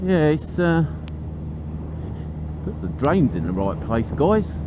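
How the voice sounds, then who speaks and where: A man's voice: a little high, sing-song, takes it slowly. A middle-aged man, rambling casually and thoughtfully as he vlogs from a moving motorcycle. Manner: musing, chatty, colloquial. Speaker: motorcycle vlogger. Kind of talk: casual rambling commentary while riding. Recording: loud engine and road noise. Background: engine, traffic and road noise.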